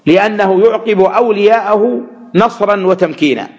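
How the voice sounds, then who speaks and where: A man teaching Quran commentary, measured and repeating words to stress them. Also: high voice. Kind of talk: religious lesson explaining verses.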